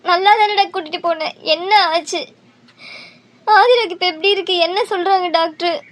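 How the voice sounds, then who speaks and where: A woman's voice: very high-pitched, fairly even intonation, moderate pace, a bit bright. A woman voicing a remorseful young woman in a cartoon, speaking anxiously. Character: young woman, guilty and tearful. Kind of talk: cartoon dubbing.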